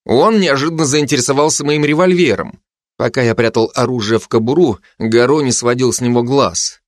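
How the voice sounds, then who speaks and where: A man narrating a first-person fantasy audiobook, his voice mid-pitched and steady. He reads in clipped phrases, and the recording is close and dry with no room sound. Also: brisk, no echo.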